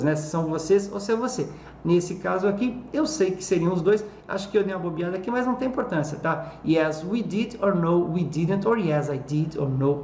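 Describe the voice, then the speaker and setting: A Brazilian-accented English teacher in a bilingual lesson, speaking at a middle pitch. Example phrases come out slow and deliberate, while the explanations rush along, full of quick tag questions. A roomy echo surrounds the voice, with faint noise underneath. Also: a little mellow. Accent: Brazilian Portuguese.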